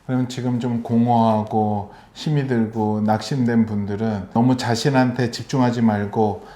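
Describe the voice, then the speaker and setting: A man's voice: mid-range voice, fairly even intonation, moderate pace, warm tone. A man hosting an interview, listening attentively and asking questions with frequent affirming murmurs. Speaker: interview host. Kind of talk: conversational interview. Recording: roomy echo.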